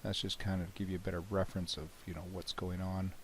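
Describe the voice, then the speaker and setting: A hoarse, low-pitched software developer clears his throat while demoing his plugin in a screen-recorded walkthrough. He talks quickly yet relaxed and rambling, often saying "you know" and restarting sentences. There is slight background noise.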